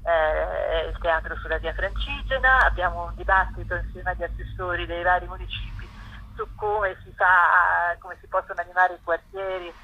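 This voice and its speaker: Heard over a muffled, telephone-like lo-fi line, this woman is a festival curator appearing as an interview guest. She has a lowish, husky voice that stays steady at a moderate pace, bright and forceful in tone. Her explanation of the event programme is informal and halting, with pauses to find the right words.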